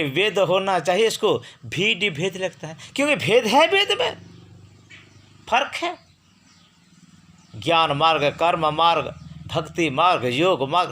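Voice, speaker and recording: Slow, animated man teaching pronunciation. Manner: slow, drawn-out syllables, sounds each letter out; lively, rising and falling pitch for emphasis. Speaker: spiritual teacher. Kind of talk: teaching Hindi and Sanskrit pronunciation.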